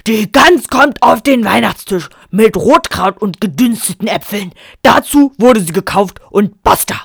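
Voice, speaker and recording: A woman voicing a grumpy, blustering opera-singer father who booms with indignation. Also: animated, a little slow, husky, no echo, clean studio sound. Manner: booming, indignant.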